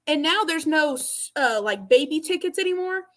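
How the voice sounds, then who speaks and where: A woman co-hosting a casual podcast chat over an online call, giggly, blunt and excitable. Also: sits high, normal speed. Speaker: podcast co-host.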